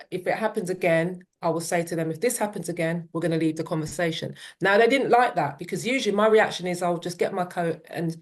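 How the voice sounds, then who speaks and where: A middle-aged woman, a parent and teen coach, telling her story in an interview with an earnest, reflective manner and frequent "um" and "yeah". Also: on the low side.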